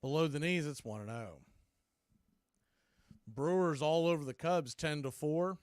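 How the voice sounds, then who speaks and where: An American male baseball announcer calls live play-by-play in a smooth, resonant voice that's slightly high for a man and a little mellow. He keeps a measured pace. The recording is dry, with very little room sound and no echo.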